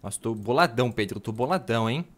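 A man's voice: medium pitch, expressive, quick pace. A man with a Brazilian accent hosting a gameplay session, chatting casually with slang and bursts of surprise. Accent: Brazilian Portuguese. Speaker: gaming channel host. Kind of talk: casual gaming chat.

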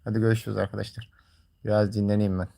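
Gravelly man chatting on a livestream. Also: lowish voice, level tone, very fast, mellow. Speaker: live streamer. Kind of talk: casual livestream chat.

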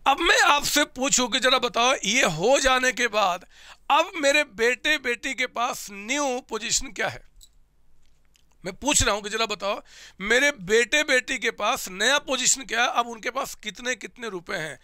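Lively high-voiced male teacher. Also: a little slow, no echo, studio quality. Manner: animated, asks questions and answers them himself. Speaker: commerce teacher. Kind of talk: classroom lecture with home examples.

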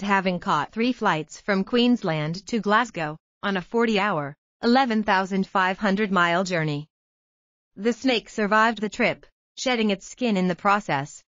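A woman narrating a news story in an even, measured scripted read. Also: mid-range voice, dry recording, lo-fi sound.

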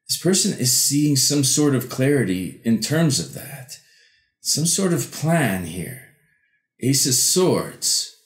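A man giving an improvised mystical horoscope reading as a tarot reader, halting and repeating words as he interprets. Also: mid-range voice. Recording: roomy echo.

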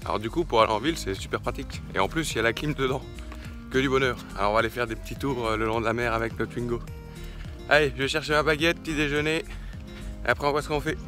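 A young man in his twenties chats into a phone held at arm's length, loose and relaxed, filling pauses with little sounds. Music plays under his voice the whole time. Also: mid-range voice. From France. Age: 20s. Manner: relaxed chatty, lots of fillers. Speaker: vlogger. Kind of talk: casual travel vlog. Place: outdoors by the sea and in a camper van.

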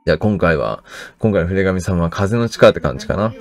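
Relaxed man commenting on a game. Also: low voice, brisk, vocal fry, soft background music. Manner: relaxed, joking asides. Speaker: game streamer.

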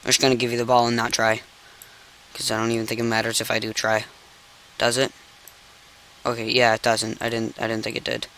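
A man's voice: mid-range voice, monotone, fairly quick, pauses often, fairly bright tone, slight background noise, rough recording. A young man hosting a game commentary video, exasperated and incredulous, repeatedly exclaiming "no" as he plays at his computer. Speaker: gaming channel host. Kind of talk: let's play commentary.

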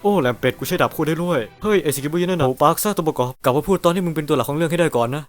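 A young man rattles through a crude comedic parody dub at a breakneck pace, brash and full of swearing. His voice sits a little high for a man, and a bit of music plays faintly underneath. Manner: brash, swearing, rapid-fire jokes. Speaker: parody dubber.

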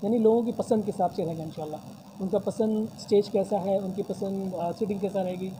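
At a press table in a decorated hall, a man representing the convention hall fields reporters' questions in front of a cluster of news microphones. His voice is high and steady, his delivery brisk, and the background is noisy. He sounds formal and promotional, often using religious phrases.

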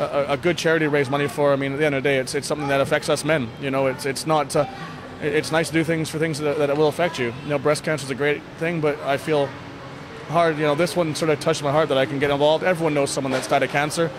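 A man in his thirties, bench coach for an ice hockey team, answers a casual, candid post-game interview quickly, in a fairly high, steady-toned voice. He talks plainly but haltingly, doubling back on words. A handheld interview microphone captures him in an indoor sports hall with blue block walls, where noisy background ambience is clearly present.

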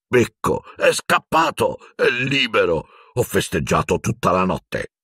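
A man voicing a huge, warm-hearted gamekeeper with homely, plain speech. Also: on the low side, big pitch swings, unhurried, creaky, slightly rough, no echo, studio quality, full character voice. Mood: cheerful, confiding.

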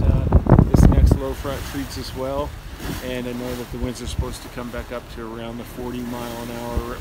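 Man in his forties, steady low-key voice, casual sailing vlog to camera at arm's length, loud wind noise over the mic. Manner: relaxed, explanatory, many fillers. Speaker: sailing travel vlogger. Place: outdoors on a sailboat deck at sea. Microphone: handheld camera at arm's length. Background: wind and waves.

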